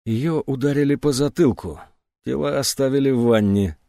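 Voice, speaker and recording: A man's voice: mid-range voice, normal speed, gravelly, warm tone, no room sound, clean studio sound, close to an everyday voice. A man reading aloud, voicing a grave male doctor who speaks in a lifeless, distant way. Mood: numb.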